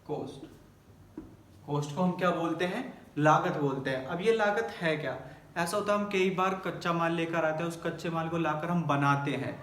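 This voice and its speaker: A man's voice: fairly high pitch, moderate pace, fairly bright tone, slight background noise. Man teaching from a distance, echoey room. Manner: asks and answers his own questions; mixes English terms into Hindi. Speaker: accountancy teacher. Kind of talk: classroom lesson explaining terms. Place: classroom with a board.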